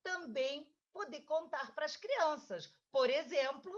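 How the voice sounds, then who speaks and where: A woman, a children's author, tells a story to a child in a lively, coaxing way. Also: sits high, slow. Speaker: children's book author, guest. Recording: dull lo-fi recording.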